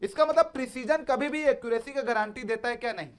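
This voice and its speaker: A very high-pitched man talks fast in a clear, resonant tone during an exam-prep lecture. Repetitive and coaxing, he keeps confirming his students follow and refers to them as "beta."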